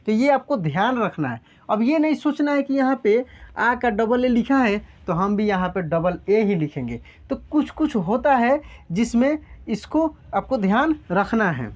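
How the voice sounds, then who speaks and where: Patient man spelling out sounds slowly, lo-fi. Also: very high voice. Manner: patient, slow step-by-step spelling out. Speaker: teacher. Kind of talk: spelling lesson. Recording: dull lo-fi sound.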